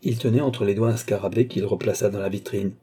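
A man reading a detective novel aloud in a steady, even storytelling manner. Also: lowish voice, a little fast, breathy edge. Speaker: audiobook narrator.

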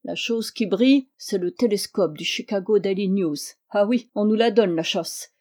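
A woman voicing a suspicious, gruff giant male gatekeeper in an audiobook, with coarse, slangy speech. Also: mid-range voice, moderate pace, a little mellow, close to an everyday voice.

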